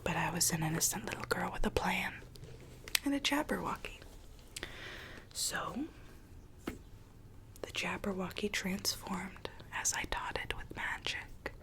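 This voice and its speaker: A woman playing a sweet rogue Alice from a storybook in a whispered ASMR roleplay, telling her tale in a soft, coaxing, theatrical way. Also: fairly low pitch, expressive, measured pace, pauses often, poor audio. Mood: confiding, earnest.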